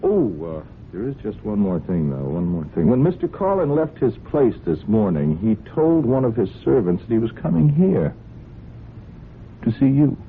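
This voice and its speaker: In an old-time radio drama, an actor plays a folksy, polite police sergeant, his voice low-ish and sing-song at a moderate pace. He sounds hesitant and apologetic, mildly probing with gentle questions. The old recording is muffled and hissy.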